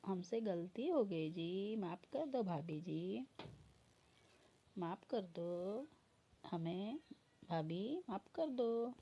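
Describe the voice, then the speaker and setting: A woman's voice: mid-range voice, lively intonation, normal speed, highs cut off, very noisy, natural voice. A woman voicing a cheeky young male brother-in-law in a comic family skit, teasing and then pleading.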